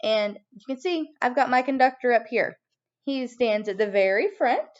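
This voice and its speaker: High-voiced woman teaching young children. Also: normal speed, highs cut off. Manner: animated, prompting children with questions. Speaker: elementary music teacher. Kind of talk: children's video lesson.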